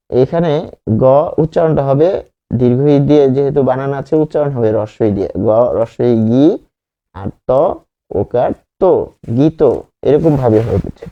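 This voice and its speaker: A man teaching an exam-prep grammar lesson, speaking slowly, repeating example words and asking the class questions. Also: medium pitch, lo-fi sound.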